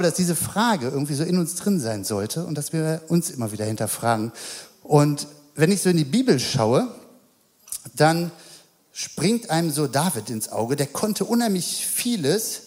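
A man with children giving a casual, anecdotal sermon, chatting loosely with lots of fillers and "right?" tag questions. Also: a little high. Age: adult with children. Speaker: lay preacher.

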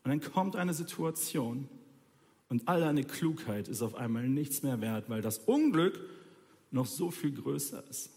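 A man's voice: mid-range voice, sing-song, measured pace, vocal fry, dark tone, big-room sound. A man preaching an informal sermon, talking straight to his listeners in a colloquial, ironic way.

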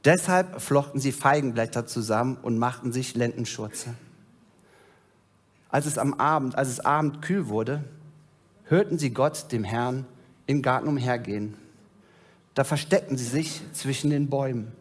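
A male pastor preaching a sermon, retelling scripture in a storytelling way and dropping low and soft at solemn moments. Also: normal speed, pauses often.

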